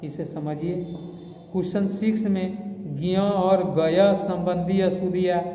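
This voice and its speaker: High-voiced, slow male teacher in an echoey room. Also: steady tone, warm tone, a little hiss or hum. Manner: methodical, spells words out letter by letter and contrasts wrong and right forms; repeats instructions to study and memorize. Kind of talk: classroom grammar lesson. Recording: echoey room with long reverb, dull lo-fi sound.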